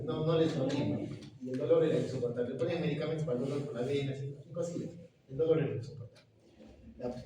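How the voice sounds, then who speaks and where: A man giving a medical lecture in a classroom, often asking the students whether they follow. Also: mid-range voice. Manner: questioning, checks understanding often. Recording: echoey room from far off, noisy.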